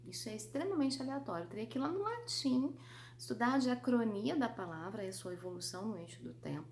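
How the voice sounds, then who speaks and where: A Brazilian Portuguese woman teaching an online grammar lesson in a lively, playful way, calling her students sweet names. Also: medium pitch, gravelly, slight background noise.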